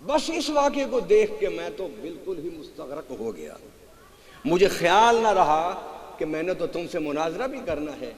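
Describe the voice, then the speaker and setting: A man giving a religious sermon, telling stories to a congregation and quizzing them, moving from hushed asides to loud raised passages. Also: fairly high pitch, big pitch swings, long reverb tail, a crowd in the background. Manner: tells anecdotes, swings from hushed asides to loud raised delivery, quizzes the audience. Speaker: preacher. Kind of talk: Urdu religious sermon with storytelling.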